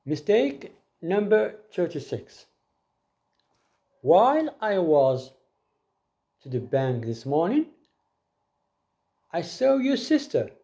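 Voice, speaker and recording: A man teaches an English grammar lesson, reading each example sentence and then repeating it slowly and deliberately. His voice is on the high side and warm.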